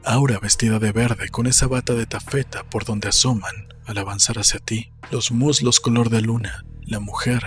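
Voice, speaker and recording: Measured and solemn, a man in his thirties narrates an audiobook at a medium, steady pitch over background music. This scripted literary narration is captured in a small indoor room, his mouth close to a desk mic and headphones on, soft music playing.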